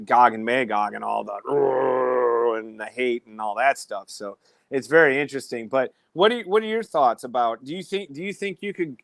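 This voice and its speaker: Halting man with a smooth, dry voice. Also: mid-range voice, no room sound. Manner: halting, many fillers and restarts. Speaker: host. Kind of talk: casual discussion on a live stream.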